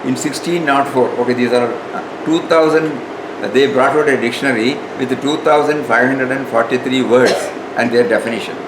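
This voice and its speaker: A spiritual teacher with a South Indian accent and a medium-pitched voice gives an informal lecture, partly reading aloud. He speaks haltingly, repeats words, and tags his questions with "no." The room is echoey, and background noise is clearly audible.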